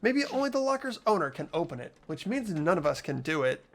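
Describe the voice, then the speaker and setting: Someone voicing Makoto, an animated, earnest teenage schoolboy. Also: mid-range voice, brisk. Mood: puzzled. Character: Makoto, earnest, hesitant teenage schoolboy narrating his investigation. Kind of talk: visual novel voice-over reading.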